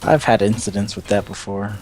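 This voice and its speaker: A young man with a somewhat low voice talks over a shared game session, loose and profane, his pitch leaping up whenever something excites him. He sounds like he is at home on a headset, with a faint hum underneath. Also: fairly quick. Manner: loose, swears casually, animated jumps in pitch. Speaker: guest player. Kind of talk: casual gameplay chat.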